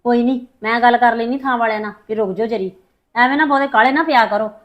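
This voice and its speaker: A woman's voice: mid-range voice, close to an everyday voice. Casting: a woman as a defensive, scheming Punjabi mother in a family short film; dull lo-fi sound. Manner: defensive, talks fast and evasive. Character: scheming middle-aged mother hiding a pawned bangle.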